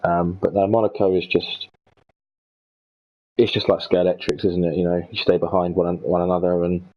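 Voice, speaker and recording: A man's voice: sits low, flat delivery, moderate pace. A man co-commentating an online racing league, hesitant and full of ums and restarts. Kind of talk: casual esports race commentary. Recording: dull lo-fi stream audio.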